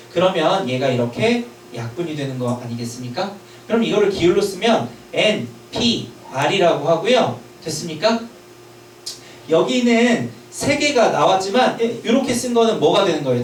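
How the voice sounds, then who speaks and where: Lively male math teacher, echoey room. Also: a little high, a little hiss or hum. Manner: drills students with quick checking questions; lively, emphatic delivery, sometimes scolding. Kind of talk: classroom math lecture. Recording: echoey room with distant mic.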